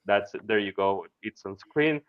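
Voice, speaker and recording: A man co-hosting a live fan show, chatting in a self-deprecating, halting way. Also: fairly low pitch, clear, resonant tone, no room sound. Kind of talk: casual live-stream chat. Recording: dry, dull lo-fi sound.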